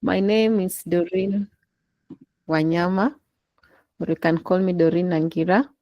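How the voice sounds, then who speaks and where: A woman's voice: lowish voice, measured pace, no echo, lo-fi sound. A woman leading an online class session over a laptop call, encouraging her listeners to take part. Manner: encouraging, prompting participation. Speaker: instructor. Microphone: laptop in a video call.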